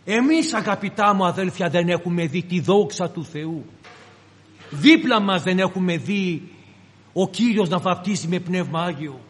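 A man preaching a sermon, retelling scripture as dramatic storytelling with acted-out voices. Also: high-pitched. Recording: long reverb of a large hall.

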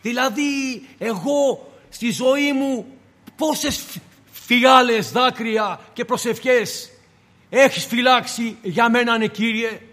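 A man's voice: extremely high pitch, bright, forceful tone, long reverb tail. A man preaching a sermon with passion, asking rhetorical questions and speaking in turn as the Lord and the believer.

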